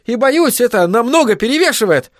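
A harried male scientist, as a man reads him out in an audiobook, talking in hot emphatic bursts and pushing hard. His voice sits above the narrator's usual pitch, dry and close. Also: lively intonation, moderate pace, no echo, natural voice. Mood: urging. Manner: heated, emphatic, pleading at times. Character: agitated middle-aged male scientist, stubborn, harried.

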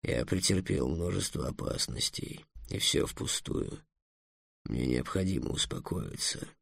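Man doing a gravelly grumbling old dragon. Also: animated, a bit bright, no echo, studio quality, heavily acted. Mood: sulky muttering. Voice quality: deep gravelly drawl. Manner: slow, brooding, muttering. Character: grumpy, gloomy old male dragon. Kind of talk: audiobook character voice.

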